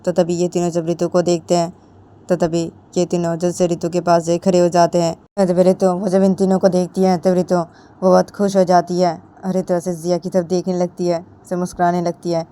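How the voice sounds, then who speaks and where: A woman's voice: on the low side, monotone, a little fast, mellow. A woman hosting her own channel, casually narrating a love story in a rambling way, with frequent repeated linking words.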